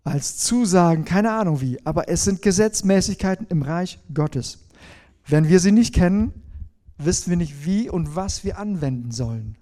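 High-voiced man preaching conversationally. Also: animated, normal speed, dark tone. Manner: conversational, asks the listeners questions. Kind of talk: sermon.

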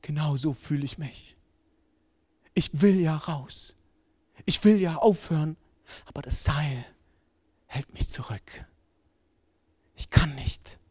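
A harsh, hard-drinking father shouts his orders in a high, strained voice, as a man preaching acts him out. He sounds bossy and short-tempered, and the sound is close and dry. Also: a little slow, pauses often, slightly rough, no room sound. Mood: despairing. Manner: barking commands. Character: angry drunk father, middle-aged man, harsh.

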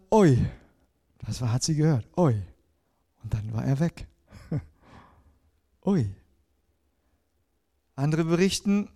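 Reading scripture and talking straight to his audience, a male preacher swings from emphatic to hushed delivery. He has a warm, mellow tone that sits a little high for a man.

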